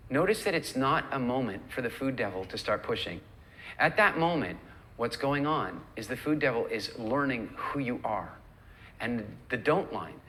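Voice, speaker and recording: A male nutrition coach gives a recorded lesson in a casual, conversational way. His voice is bright and clear at a medium pitch. He slips into little acted-out quotes of what people say. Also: slight background noise. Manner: conversational, acts out quoted lines.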